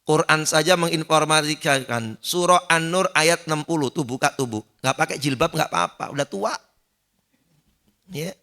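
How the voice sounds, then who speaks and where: A male preacher giving an animated dawn sermon in a mosque, acting out shouted pleas and joking with the congregation. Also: fairly high pitch, normal speed.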